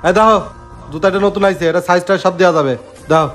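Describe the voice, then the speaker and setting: A man's voice: sits high, fairly bright tone, soft background music. A man acting a dismissive salesman who brushes off a customer. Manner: dismissive, quick colloquial talk. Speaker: shop salesman in a skit. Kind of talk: amateur social drama acting.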